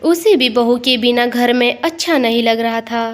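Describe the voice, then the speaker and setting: This is a storyteller's reading of a scripted family tale by a woman whose voice sits slightly above average in pitch. The pace is moderate.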